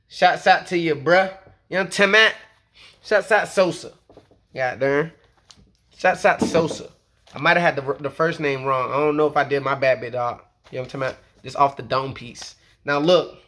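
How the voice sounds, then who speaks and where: A man with a somewhat high-pitched voice runs through his team talk like a fan vlog. He is loose and slangy, full of "okay?" and "you know what I'm saying," building hype as he goes. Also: fairly bright tone. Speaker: sports vlogger. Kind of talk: casual fan commentary.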